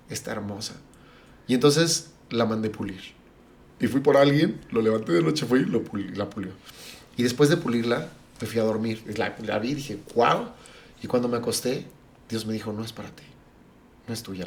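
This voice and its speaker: A middle-aged man, a pastor and podcast guest, telling a personal story and acting out what others said. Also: mid-range voice. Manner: animated, acts out the dialogue of family and friends.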